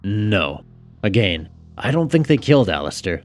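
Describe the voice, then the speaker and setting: A man's voice: fairly low pitch, sing-song, normal speed, a little mellow, faint music behind. A man voicing a practical former butcher who talks plainly and levelly.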